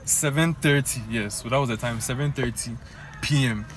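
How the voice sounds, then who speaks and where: A young Ghanaian man with a Ghanaian accent, telling a story to his viewers in an animated, casual way full of fillers. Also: mid-range voice, normal speed, a little hiss or hum. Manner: animated, many fillers, addresses viewers as guys. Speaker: vlogger.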